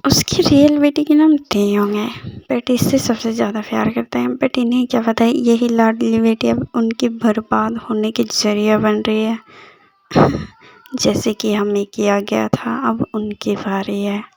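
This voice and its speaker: A woman's voice: on the high side, little pitch movement, a little slow, gravelly, darkish tone, dry recording. A woman voicing a sly young man who gloats about a revenge plot, in an amateur voice drama. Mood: gloating.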